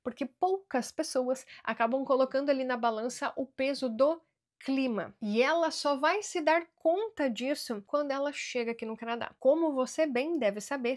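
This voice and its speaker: A Brazilian woman giving earnest immigration advice straight to camera in a vlog, slowing down to stress key words. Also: high voice. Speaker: immigration vlogger.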